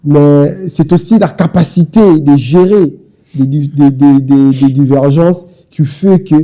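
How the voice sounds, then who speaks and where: The speaker is a young Kinshasa man with a Congolese French accent, a party spokesman who speechifies insistently and repeats himself on a TV interview. He sounds a little high and warm, keeping a measured pace.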